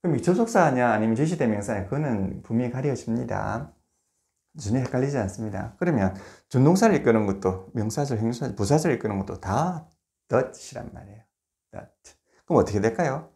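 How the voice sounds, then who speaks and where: A man giving a recorded grammar lecture, explaining step by step, posing rhetorical questions, and slowing down to spell out examples. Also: medium pitch, expressive, vocal fry, mellow. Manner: slows to spell out words and examples.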